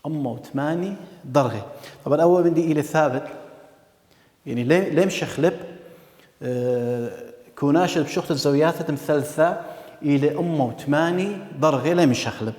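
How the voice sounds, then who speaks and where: A man's voice: a little high, a little fast, a little mellow. Patient male teacher in an echoey room. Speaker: maths teacher. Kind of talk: classroom lesson.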